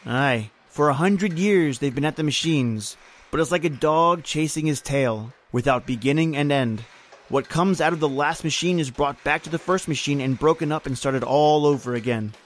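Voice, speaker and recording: In a vintage-style audio horror play, a man with a slightly high voice gives a lightly acted turn as a taunting, bitter overseer of an island factory. He speaks at a moderate pace in a folksy way, dropping in "aye" and "ain't."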